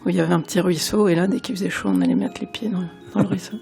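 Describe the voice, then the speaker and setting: A female interview guest with a gravelly, creaky edge. She chats informally in short, simple answers. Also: fairly low pitch, racing, warm tone. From Belgium. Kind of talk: casual interview conversation.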